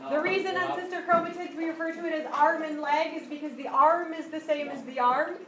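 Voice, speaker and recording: A woman's voice: high-pitched, fairly even intonation, brisk, crowd noise. A woman teacher explaining a lesson to a class, often checking that they follow. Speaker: high school biology teacher. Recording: echoey classroom, distant mic, background noise.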